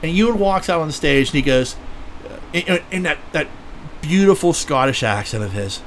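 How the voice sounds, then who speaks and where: Excitable man chatting on a podcast. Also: on the high side, moderate pace, slight background noise. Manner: excitable, profane fan talk with many fillers. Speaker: podcast host. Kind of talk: casual chat.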